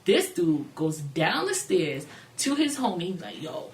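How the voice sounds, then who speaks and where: A woman's voice: fairly low pitch, measured pace. Young woman telling a wild story. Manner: animated, laughs while telling, slangy. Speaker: podcast guest. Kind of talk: casual storytelling. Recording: roomy, distant mic with faint noise.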